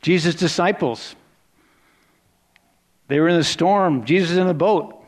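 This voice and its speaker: A man delivers a sermon in an easy, conversational way, with a voice pitched a little high. He turns reflective and drops softer when he quotes scripture lines. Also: unhurried. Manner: conversational, reflective preaching with soft dips for quoted words. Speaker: preacher.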